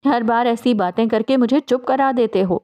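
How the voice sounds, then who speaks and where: A woman's voice: on the high side, pitched above the performer's own voice, natural voice. A woman voicing a hurt young woman who snaps back through tears in an audiobook. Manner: sharp, wounded retorts. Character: bitter, tearful young woman.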